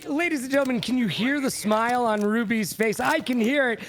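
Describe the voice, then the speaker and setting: A man's voice: very high voice, a little fast, background noise. A man doing showy, hyped-up color commentary on an esports match. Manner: hype-man showboating, shouts on big moments.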